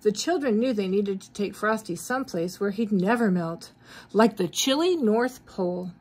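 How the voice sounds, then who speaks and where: Her voice is mid-range, animated, and darkish, with a breathy edge and a moderate pace. A grandmother of middle age or older with a mild cold, she reads a children's tale expressively and asks the grandchildren questions along the way.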